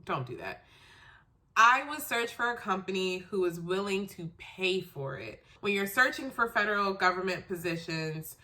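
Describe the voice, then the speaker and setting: A woman with a stuffy, nasal voice from a cold offers casual career tips in a chatty, emphatic how-to advice video. Her voice is mid-range, animated, pushed and bright, at a normal speed.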